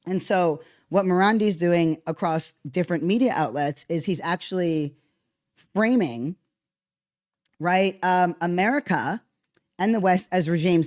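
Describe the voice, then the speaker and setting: A podcast host talking casually and bluntly, reacting to a played clip with frequent swearing. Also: female voice, on the low side, normal speed, dry recording, studio quality. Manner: blunt, profane, animated. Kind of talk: casual commentary on played clips.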